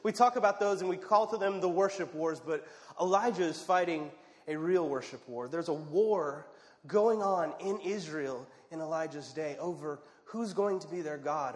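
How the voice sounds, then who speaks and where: Male pastor, fairly high voice, dramatic storytelling sermon, long church reverb. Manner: dramatic, drops to a hush for quiet moments. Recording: long reverb of a large hall.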